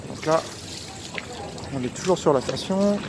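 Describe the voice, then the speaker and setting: A street food vlogger gives a casual walking tour outdoors on a busy street, his fairly high voice lively in intonation and a little slow. A face mask slightly muffles him, and clear traffic and vehicle noise fill the background.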